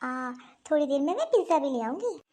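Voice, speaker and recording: A woman voicing an aunt who serves snacks to children in a cheerful, hospitable way, for an animated story. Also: high-pitched, quick pace, voice pushed down. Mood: friendly. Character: sweet-talking aunt serving snacks.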